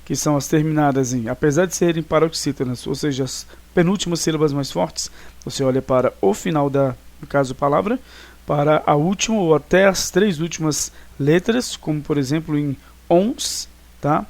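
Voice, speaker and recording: A man with a Brazilian Portuguese accent teaches a recorded grammar lesson, explaining things and checking in with the class often through frequent tag questions. His voice is fairly high-pitched, and he speaks at a moderate pace.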